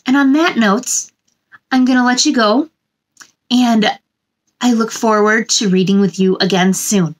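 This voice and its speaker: Her pitch fairly high, this thirties-aged woman keeps a measured pace broken by long pauses. She leads a story time for kids, reading a picture book expressively and talking plainly to her young audience in a small room indoors.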